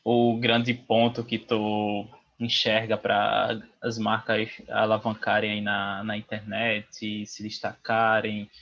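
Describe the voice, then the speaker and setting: Bright-voiced male podcast host, lo-fi. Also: lowish voice, completely flat delivery, takes it slowly, creaky. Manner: upbeat, informal questions. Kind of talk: casual interview hosting. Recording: dull lo-fi mic.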